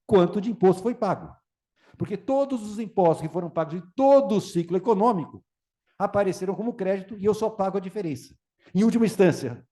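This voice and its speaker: Animated Brazilian man giving a talk. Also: sits high. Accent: Brazilian Portuguese. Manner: animated, acts out voices in anecdotes. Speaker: speaker on tax reform. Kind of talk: lively public talk with acted anecdotes.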